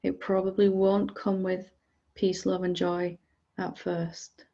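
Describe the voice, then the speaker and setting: A woman teaching a guided meditation speaks gently and calmly, softly giving instructions with unhurried pauses. Her voice is on the low side and the audio sounds dull.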